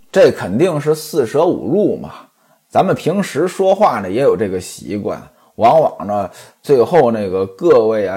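Chatty traditional storyteller who talks straight to the audience, with an animated, husky voice. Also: medium pitch. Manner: chatty, addresses listeners directly.

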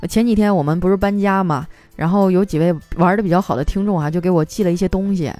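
A woman's voice: fairly low pitch, fast, warm tone, no echo, soft background music. A woman radio host reading out listener jokes in a playful, chatty way. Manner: playful, chatty, mimics voices for quoted people. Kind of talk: casual comic storytelling.

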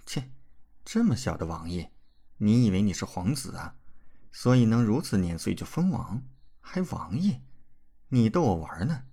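A man voicing a fierce young swordswoman who sneers and makes threats in a curt, scornful way, in a low, husky voice. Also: very animated, normal speed, pauses often, mellow, exaggerated voice.

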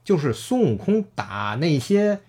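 A man's voice: a little high, sing-song, a little slow, darkish tone, breathy edge. A man casually retelling a classic story, acting out the characters' lines and laughing often.

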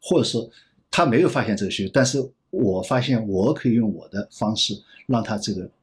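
一位男性银行业专家在访谈中回答问题，说话边想边讲，常重复词句。. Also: male voice, on the low side, brisk. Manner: rambling, repeats phrases while reasoning aloud. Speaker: banking expert guest. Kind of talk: thoughtful interview answers.

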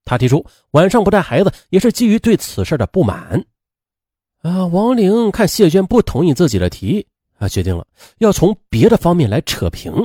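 A man's voice: high voice, big pitch swings, normal speed, mellow, dry recording, clean studio sound. A man narrating a true-crime story in a chatty way, with frequent fillers.

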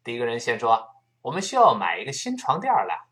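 Pronunciation teacher, patient, repeats words slowly, animated pitch. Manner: patient, demonstrates sounds slowly and repeats them. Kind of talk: spoken language lesson.

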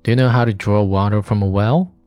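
A man's voice: on the low side, fairly even intonation, brisk, a little mellow, no room sound, lightly acted. A man voicing a practical old farmer who talks bluntly and plainly. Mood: businesslike.

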